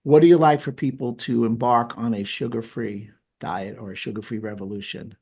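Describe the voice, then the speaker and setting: A man's voice: medium pitch, steady tone, moderate pace, darkish tone, husky. A man with a New York accent hosting an interview, chatty and jokey with enthusiastic asides. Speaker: podcast host. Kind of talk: casual interview.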